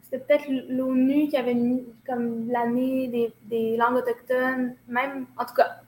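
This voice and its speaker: Her high voice stays level and a little mellow, moving at a measured pace. She is a Quebec-born choreographer in her thirties with a Québécois accent, a guest in an interview who reflects hesitantly, full of fillers and restarts; the recording sounds roomy, with faint noise.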